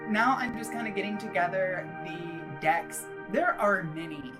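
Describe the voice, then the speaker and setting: A woman's voice: mid-range voice, a little slow. A woman hosting a video channel, giving chatty, enthusiastic, emphatic voice-over commentary on a game build in a casual style. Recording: music behind the voice. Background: music.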